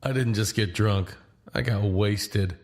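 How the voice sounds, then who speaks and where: A man with a lowish, slightly mellow voice speaks at a slow pace, narrating a first-person audio drama as its lead character. He plays an easygoing, weary man walking across the country, and his mood is reflective and matter-of-fact.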